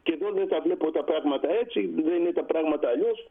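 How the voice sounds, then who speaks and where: A man's voice: fairly high pitch, slightly rough. A man who served on ships, telling a story in a radio interview and acting out the dialogue. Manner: animated, acts out quoted dialogue. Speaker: retired sea captain guest. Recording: tinny phone line.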